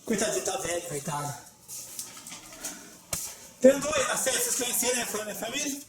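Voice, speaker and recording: A woman hosting a casual home vlog, playful and loudly calling out repeated wake-up cries. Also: on the high side, very animated, moderate pace. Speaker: vlogger host.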